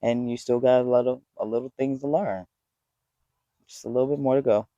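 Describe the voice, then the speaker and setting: A man's voice: medium pitch, steady tone, fairly quick, dark tone, dry recording, muffled recording. A man in his twenties talking to camera in a rambling, earnest motivational way, swearing freely as he goes. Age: 20s. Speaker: vlogger. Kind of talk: casual motivational talk to camera.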